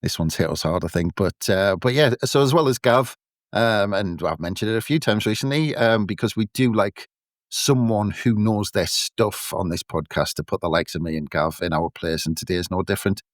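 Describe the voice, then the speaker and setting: Low-voiced man hosting a football podcast. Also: moderate pace, dry recording, studio quality. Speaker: podcast host.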